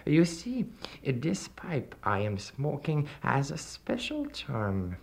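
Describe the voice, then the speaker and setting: A man voicing a sly, smooth male devil in a folktale, speaking slowly and hushed, trailing into whispers. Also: mid-range voice, huge pitch swings, pitched above the performer's own voice, full character voice. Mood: tempting.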